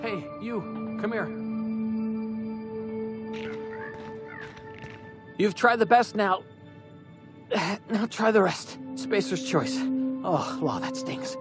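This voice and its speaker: An actor playing a wounded, hapless corporate guard in a video game, chatty and colloquial in a pained way. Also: male voice, high-pitched, big pitch swings, slow, over loud music, full character voice. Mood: salesy, strained. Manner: colloquial, slogan-reciting, pained. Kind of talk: video game character dialogue.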